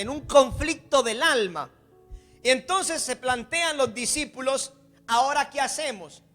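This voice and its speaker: A man's voice: very high voice, bright, forceful tone. A man pastor preaching a sermon with passion, acting out the voices of the people he quotes.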